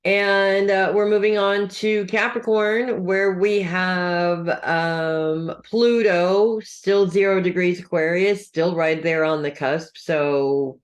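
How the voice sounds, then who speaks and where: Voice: mid-range voice, fairly even intonation, slow pace, few pauses. An astrologer reading weekly horoscopes in a casual, chatty way, checking in with listeners and dropping dry sarcastic asides.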